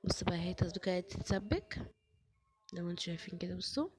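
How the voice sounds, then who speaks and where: A hoarse woman with an Egyptian accent, chatting to her viewers while cooking in a home kitchen. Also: on the low side, animated, rapid-fire. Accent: Egyptian Arabic. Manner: chatty, addresses viewers directly. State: hoarse, sore chest, fasting. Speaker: cooking vlogger. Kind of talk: casual chat narrating cooking.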